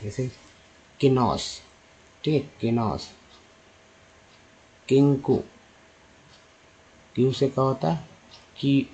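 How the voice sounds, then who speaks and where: A man giving a spoken pronunciation lesson, spelling out letters and repeating words slowly for his viewers. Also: medium pitch, dark tone, a little hiss or hum, rough recording. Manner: addresses viewers as friends. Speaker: English pronunciation teacher.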